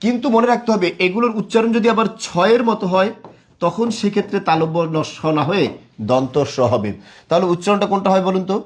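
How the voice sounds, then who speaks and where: A man's voice: high voice, fast talker. A young man teaching a live online class, quizzing viewers and praising them again and again. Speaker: online tutor.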